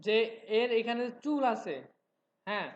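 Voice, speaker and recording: A man from Noakhali in Bangladesh with traces of a regional Bangladeshi Bengali accent, teaching a live software class, talking fast and checking in with his students. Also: high-pitched, expressive. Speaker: software instructor. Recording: roomy, dull lo-fi sound with faint noise.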